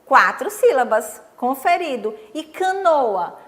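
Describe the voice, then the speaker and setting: A young Brazilian woman teaching young children on a TV lesson, coaxing and sing-song, counting slowly with them. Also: high voice, very animated, fairly bright tone. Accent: Brazilian Portuguese. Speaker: primary school teacher.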